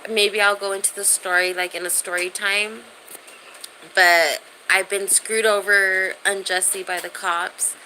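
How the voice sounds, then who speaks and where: A woman in her thirties is livestreaming, chatting casually with viewers, reading their comments aloud, and using slangy, profane language. Her medium-pitched voice stays level and moves a little slowly, with a bright, forceful edge. The audio is poor, with faint background noise.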